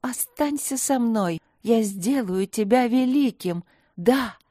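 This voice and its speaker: A woman voicing a sinister disembodied male evil spirit that talks slowly and in a wheedling whisper. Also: fairly high pitch, animated, mellow, no echo, studio quality, pitched above the performer's own voice. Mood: menacing whisper.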